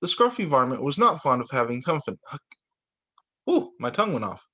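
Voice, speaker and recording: A man reads a picture book aloud as a teacher, full of exclamations and his own little asides. His mid-range voice is very animated, brisk, and sharp-toned.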